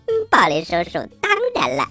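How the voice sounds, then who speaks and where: A woman's voice: on the low side, huge pitch swings, brisk, sharp tone, soft background music, heavily acted. A woman voicing a chatty, childlike little green frog with a playful cartoon frog voice, co-hosting a children's story show. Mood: eager, playful. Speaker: co-host.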